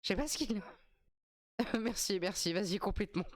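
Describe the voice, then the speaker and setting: A woman's voice: mid-range voice, moderate pace, no echo, studio quality. A woman streaming live, reacting to a game show in casual chat, joking with her viewers and swearing often. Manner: chatty, swears, laughs often, jokes with chat.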